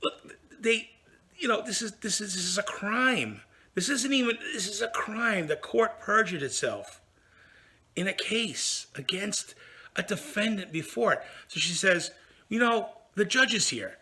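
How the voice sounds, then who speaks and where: Lively New man with a raspy, gravelly edge, telling a story with outrage and plenty of stumbles. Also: sits high, measured pace. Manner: animated and indignant, with many restarts. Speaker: head of a law practice. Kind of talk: casual storytelling monologue.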